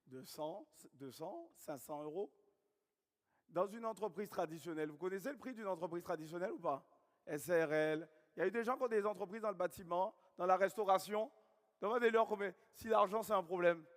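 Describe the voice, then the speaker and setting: A high-voiced man with a Guadeloupean accent leads a sales training seminar. He drives his points home by repeating them and firing questions at the audience. His voice rings out with the long reverb of a large hall. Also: a little fast. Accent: Guadeloupean French. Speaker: network marketing trainer.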